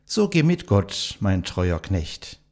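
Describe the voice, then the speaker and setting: A man's voice: deep voice, big pitch swings, slow, darkish tone, full character voice. A man reading a Christmas poem aloud and voicing the holy Christ Child in a raised, lilting voice. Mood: gentle.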